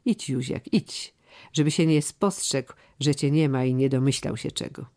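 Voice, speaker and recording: A man's voice: medium pitch, normal speed, a little mellow, lightly acted. A man reading the part of an aging, loyal steward who speaks in a solemn, earnest, old-fashioned way. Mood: grave, earnest. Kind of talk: audiobook character reading.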